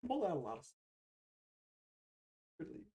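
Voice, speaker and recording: Woman, deep voice, lively pitch swings, wry casual player. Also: moderate pace. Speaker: tabletop game player. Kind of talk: casual post-session chat.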